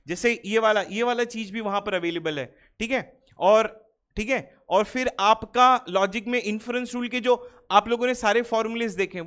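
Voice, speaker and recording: High-voiced man teaching online. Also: a bit bright. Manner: teasing, chatty, reacts to student comments. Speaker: online exam-prep teacher. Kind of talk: live online class, Hindi-English mix.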